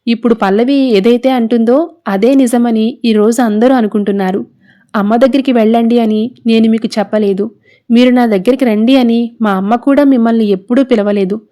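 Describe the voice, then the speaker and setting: A woman's voice: a little high, steady tone, brisk, warm tone, lightly acted. A woman reading as a firm young heroine. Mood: reproachful. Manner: firm, reproachful. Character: defiant young woman scolding her family. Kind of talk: serial recap narration.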